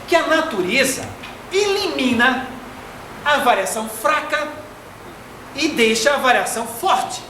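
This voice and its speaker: A man from Florianópolis with a Brazilian Portuguese accent, giving a slow, didactic spiritist lecture. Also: extremely high pitch. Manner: didactic, slow and deliberate, fond of diminutives. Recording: echoey hall from far off, faint noise.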